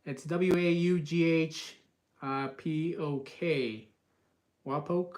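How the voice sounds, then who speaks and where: A man's voice: on the high side, fairly even intonation, takes it slowly, darkish tone. A man from the US West Coast hosting a live cast iron cooking stream, chatting casually and reading out viewer comments with many uhs. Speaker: cooking channel host.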